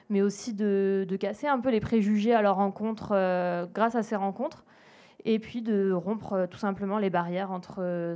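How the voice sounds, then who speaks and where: A woman with a warm, medium-pitched voice speaks for a charity at a public talk, explaining a mentoring program for refugees. She uses many hesitant fillers, and the event hall has an audience.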